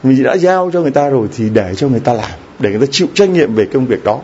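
A man's voice: medium pitch, lively intonation, rapid-fire, mellow, husky. Priest guy preaching, chatty, keeps asking the crowd questions, kinda dull lo-fi sound. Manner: conversational preaching with frequent rhetorical questions to the congregation. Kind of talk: sermon. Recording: slightly dull lo-fi recording with faint background noise.

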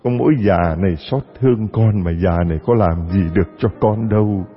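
A man voicing a grieving old nurse who laments tearfully, with soft music behind and a long echo. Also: on the low side, brisk, lightly acted. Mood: sobbing lament. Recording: dull audio with long reverb.

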